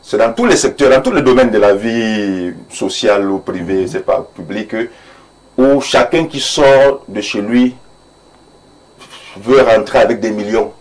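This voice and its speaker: A man's voice: on the low side, a little slow, a little mellow, rough recording. A man, an imam speaking earnestly and preachily in a studio debate, repeating phrases for emphasis. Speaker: imam, panel guest.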